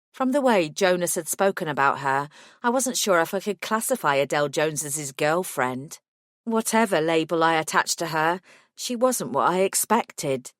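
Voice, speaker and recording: A woman narrating a first-person audiobook in a wry, measured way on a close studio mic. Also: lowish voice, dry recording.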